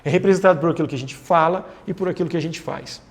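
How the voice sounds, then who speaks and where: A man's voice: a little high, very fast. A man giving a leadership lesson, asking rhetorical questions and answering them himself, repeating key phrases for emphasis. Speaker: leadership lecturer, host of the series. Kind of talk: talking-head lesson on management.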